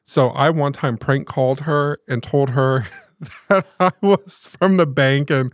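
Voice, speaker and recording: A man's voice: medium pitch, a little slow, no echo, studio quality. A man from the American South, a podcast co-host, telling a family story in casual chat and acting out the voices he quotes.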